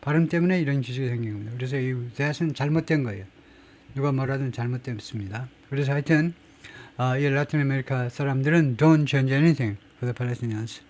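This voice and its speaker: A man's voice: medium pitch, moderate pace, darkish tone. Middle-aged guy teaching english grammar, emphatic, explains every rule, reads english examples. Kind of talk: grammar lecture.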